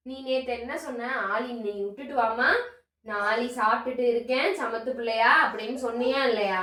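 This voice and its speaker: A woman, a mother, gently coaxing and reassuring her small child, repeating the same soft questions again and again. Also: a little high, fairly even intonation, fairly quick. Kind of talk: vlog talk to a child. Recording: roomy sound from a distance.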